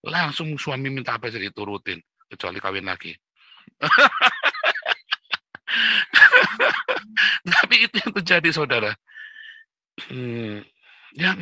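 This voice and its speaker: A middle-aged pastor gives a morning devotional in a blunt, forceful manner. His voice is medium-pitched and the sound carries no echo. He often asks his listeners "right?"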